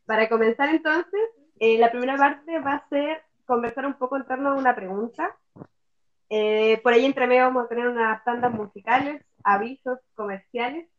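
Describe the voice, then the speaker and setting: A woman's voice: fairly high pitch, lo-fi sound. A Chilean woman hosting a podcast in a casual, chatty way. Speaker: podcast host.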